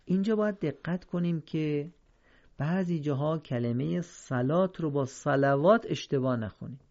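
A man teaching Quranic reading in a careful, explanatory lesson, slowing down when he quotes verses. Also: a little high, a little mellow, dull audio. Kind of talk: instructional lesson.

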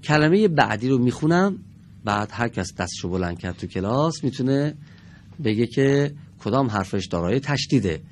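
A man teaching a televised classroom lesson in a studio, patient and encouraging with the pupils, drawing out each example word slowly and deliberately. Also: medium pitch, big pitch swings, a little hiss or hum.

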